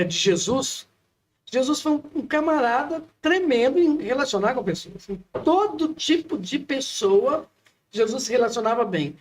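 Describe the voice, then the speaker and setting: Man, Brazilian Portuguese accent, co-host, reminiscing in conversation, lively intonation, distant mic. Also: extremely high pitch. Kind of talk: casual chat.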